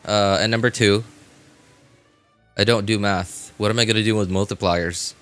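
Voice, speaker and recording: A man livestreams a video game, chatting casually with viewers in a laid-back, informal way and muttering asides to himself. His fairly low voice is clear and resonant, a bit bright, with a steady tone at a moderate pace. Soft background music plays.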